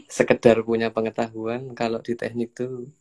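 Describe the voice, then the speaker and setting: A young man, hosting a casual interview in a relaxed, joking way. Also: medium pitch, normal speed. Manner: relaxed, joking, slips into Javanese slang. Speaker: host.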